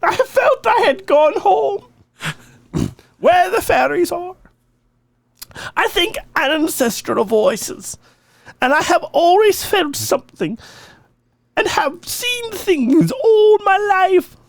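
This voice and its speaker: A man voicing an older Irish woman who slowly and earnestly tells of her encounters with fairies, in a put-on Irish accent. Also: very high voice, big pitch swings, vocal fry, no echo, voice pushed up, heavily acted. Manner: slow, earnest storytelling. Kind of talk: dramatic reading of listener stories.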